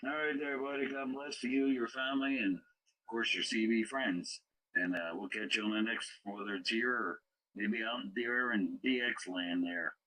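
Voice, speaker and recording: A man's voice: medium pitch, fairly even intonation, moderate pace, bright, forceful tone. A man chatting as a CB radio operator, calling out CQ in a folksy way, heard over a lo-fi shortwave radio transmission. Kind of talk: casual on-air radio chat. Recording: muffled radio link audio.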